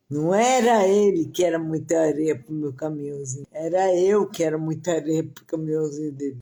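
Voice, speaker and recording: A middle-aged Brazilian woman telling a personal story candidly and expressively during a live stream. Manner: candid and expressive, with pitch swinging up and down as she tells.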